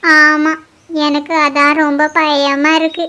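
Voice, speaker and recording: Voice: high-pitched, level tone, takes it slowly, pushed and bright, heavily acted. Someone voicing a fretful young village girl. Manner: explaining, fretful.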